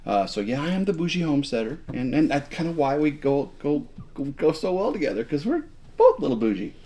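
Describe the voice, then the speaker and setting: A man's voice: fairly high pitch, sing-song, a little fast, mellow. A man in his fifties co-hosting a casual chat indoors at home, joking and rambling with repeated words. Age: 50s. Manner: jokey, rambling, stammers on repeats. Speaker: co-host.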